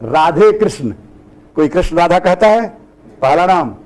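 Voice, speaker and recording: A middle-aged man leads a spiritual discourse in a fairly high voice that swoops up and down with lively expression. He works through a run of rhetorical questions and answers each one himself. English phrases turn up now and then as he preaches. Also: measured pace, rough recording. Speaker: spiritual teacher.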